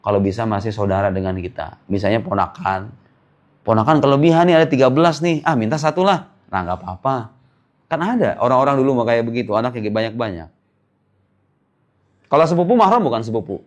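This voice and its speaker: Animated man teaching an Islamic class. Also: mid-range voice, a little fast. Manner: lively, questions the class and answers himself; casual, joking. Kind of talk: informal religious lesson.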